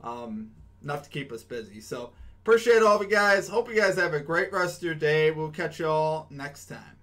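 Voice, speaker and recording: A man's voice: fairly high pitch, lively intonation, normal speed, a bit bright. A young man hosting a sports betting show, talking through his picks in a loose, chatty way with plenty of ums and restarts. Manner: chatty, many ums and restarts, upbeat sign-offs. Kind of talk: casual sports betting breakdown.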